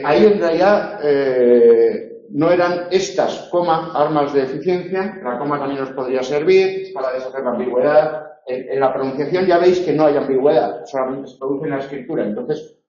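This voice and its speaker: A man from teaching a university tutorial, going through spelling examples slowly and checking in with "¿eh?". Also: mid-range voice, warm tone. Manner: slow, deliberate spelling drills with questioning "¿eh?". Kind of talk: recorded tutorial lecture. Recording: roomy, dull lecture recording.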